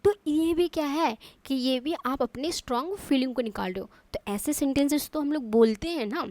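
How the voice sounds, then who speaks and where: A woman's voice: high-pitched, normal speed, a little mellow, no echo. A woman teaching an online English grammar lesson, explaining step by step and checking in with her students often.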